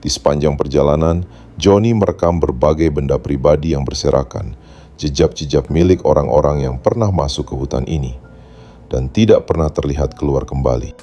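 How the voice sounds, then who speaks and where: A man's voice: rumbling low, moderate pace, mellow, slight background noise. A man reading a scripted horror story as narrator, in a solemn, dramatic storytelling manner.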